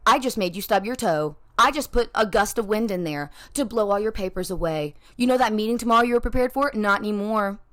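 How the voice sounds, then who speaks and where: A woman's voice: mid-range voice, animated, brisk, few pauses, a bit bright, voice pushed up, lightly acted. A woman voicing a smug, taunting personified bad day. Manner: taunting, gloating. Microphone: podcast microphone.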